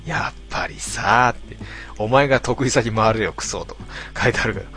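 A man casually reading out listener posts and answering each one with dry, deadpan remarks. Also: lowish voice, fast talker. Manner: deadpan, wry retorts between readings. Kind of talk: casual commentary reading comments.

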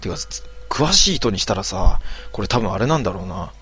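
A man's voice: on the low side, big pitch swings, a little fast, a bit bright. A man in his twenties hosting a late-night stream, reading viewer comments aloud and muttering casual, offhand reactions. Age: 20s.

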